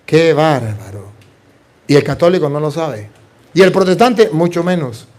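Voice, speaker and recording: A man with a high voice preaches a lively sermon, pressing his listeners with rhetorical questions and call-and-response. He slips in playful little exchanges and lands them with humor. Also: normal speed. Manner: humorous, plays out little dialogues.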